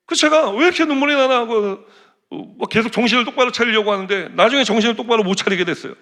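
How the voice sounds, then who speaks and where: A middle-aged male pastor giving a sermon, telling a personal story in an animated way and acting out his prayers and other people's words. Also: very high voice, quick pace. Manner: animated storytelling, acts out prayers and quoted voices. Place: church.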